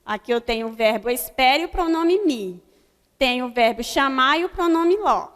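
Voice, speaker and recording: High-voiced teacher woman in a reverberant room. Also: animated, a bit bright. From Brazil. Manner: slow, deliberate word-by-word dictation with frequent "né?" checks. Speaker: primary school teacher. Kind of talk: recorded online grammar lesson. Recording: long hall reverb.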